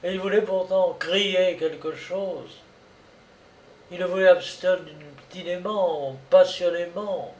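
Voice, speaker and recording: A man narrating a classic story in a measured, dramatic reading style. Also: high voice, a little mellow. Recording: roomy, distant mic, faint noise.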